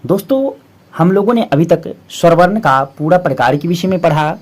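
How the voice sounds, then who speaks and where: High-voiced man explaining grammar patiently. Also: lively intonation, moderate pace. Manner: repetitive, patient explaining with rhetorical questions. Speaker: teacher.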